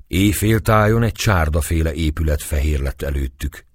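Deep husky storybook narrator. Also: male voice, no echo, studio quality. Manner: expressive storytelling reading. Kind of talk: audiobook narration.

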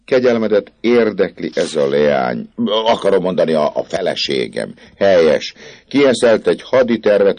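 A man voicing a nervous, boastful male poet who talks in a rapid, fussy patter. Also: a bass voice, gravelly, a little mellow, no room sound, voice pushed up, full character voice.

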